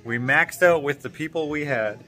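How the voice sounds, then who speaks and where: A man's voice: on the high side, moderate pace, sharp tone, faint music behind. A young man vlogging casually at an art gallery show, talking upbeat into a handheld phone camera. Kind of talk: casual vlog chat. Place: busy indoor art gallery in a mall. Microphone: phone camera held at arm's length.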